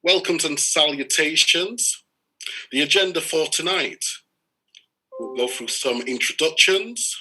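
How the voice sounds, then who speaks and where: A man's voice: on the high side, measured pace, sharp tone, breathy edge, poor audio. A man hosting a live-streamed party meeting, polite and welcoming, with some fillers. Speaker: host of an online party meeting.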